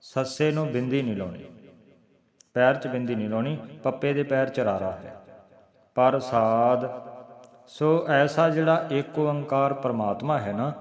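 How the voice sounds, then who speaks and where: A man teaching the correct recitation of scripture, spelling out each letter slowly and chanting the verses. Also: mid-range voice, reverberant. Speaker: Gurbani teacher. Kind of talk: slow recitation lesson with explanation.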